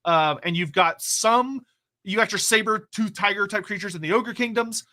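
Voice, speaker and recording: A young adult man co-hosts a casual live stream at a moderate pace, his voice sitting high. He reads viewer questions aloud and rambles excitedly about game lore, swearing casually along the way.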